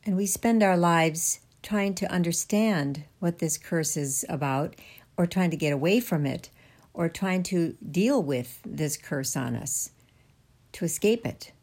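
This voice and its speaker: Slow, low-voiced woman reading scripture. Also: a little mellow. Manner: measured, plain, reads scripture aloud. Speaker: co-host and scripture reader. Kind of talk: devotional radio talk and scripture reading.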